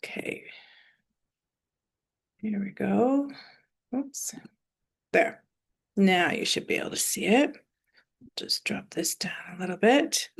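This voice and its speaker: A woman's voice: mid-range voice, lively intonation, takes it slowly, creaky, long pauses, breathy edge. A woman in her forties, an osteopathic manual therapist, giving a screen-shared presentation and explaining with everyday comparisons and some fillers.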